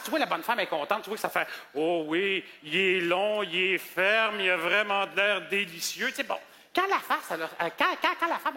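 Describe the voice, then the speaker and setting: High, animated Québécois stand-up comic. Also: male voice. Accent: Québécois French. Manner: animated, acts out customers in high voices. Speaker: stand-up comedian. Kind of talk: stand-up comedy routine. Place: comedy gala stage. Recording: live hall reverb, faint noise.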